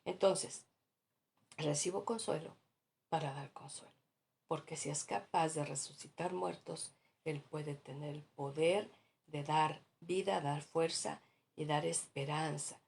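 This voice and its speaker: A woman's voice: low voice, a little slow, gravelly, darkish tone, slight background noise. A woman pastor preaching a sermon in an earnest, exhorting way, at times dropping to a near-whisper.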